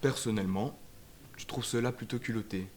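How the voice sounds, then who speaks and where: A man's voice: fairly low pitch, a little fast. Young man, wry remarks. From Belgium. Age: young adult. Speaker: student.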